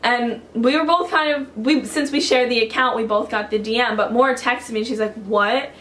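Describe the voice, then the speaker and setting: A woman vlogger telling a story to camera at home in an excitable, chatty way, full of "like". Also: fairly high pitch, brisk. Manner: excitable and chatty, heavy use of "like".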